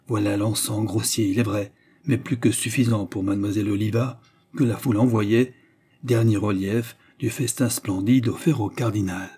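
A man narrating a classic novel as an audiobook in a measured, steady reading. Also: on the low side, husky.

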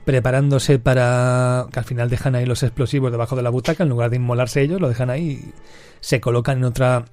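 A man's voice: medium pitch, quick pace, faint music behind. A man, hosting a podcast and casually retelling a film, acting out the characters' lines as he goes. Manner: lively storyteller who acts out character quotes. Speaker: podcast host.

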